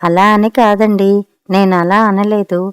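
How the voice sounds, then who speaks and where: A woman reading as a gentle, patient wife. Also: medium pitch, fairly even intonation, unhurried, clean tone, dry recording, clean studio sound, lightly acted. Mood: mild pleading. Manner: pleading and mild.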